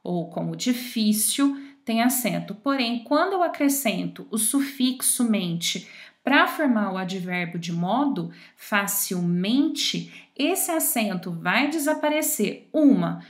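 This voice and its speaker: A woman teacher explaining grammar rules step by step, often pausing to check that her students follow. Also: on the high side, lively intonation. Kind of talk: grammar lesson.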